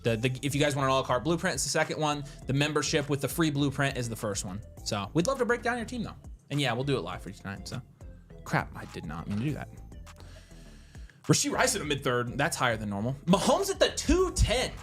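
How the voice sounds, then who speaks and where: A man co-hosting a casual livestream, chatting excitably with quick asides and frequent restarts. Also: mid-range voice, faint music behind. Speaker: livestream co-host.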